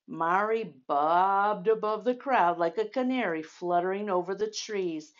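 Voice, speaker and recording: In dull-sounding audio, a lowish-voiced woman hosting church storytime reads a story aloud to young children. She speaks to them directly, asking questions and using emphatic phrasing.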